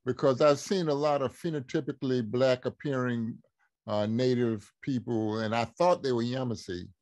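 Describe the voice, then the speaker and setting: A man's voice: medium pitch, steady tone, normal speed, darkish tone, no echo. A man in the audience asking a question over a video call, polite and hesitant.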